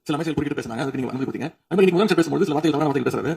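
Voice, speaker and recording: A man's voice: a little high, expressive, rapid-fire, gravelly, noisy background. A man raising protesting objections in a legislative assembly chamber. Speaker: opposition member. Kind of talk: debate objection.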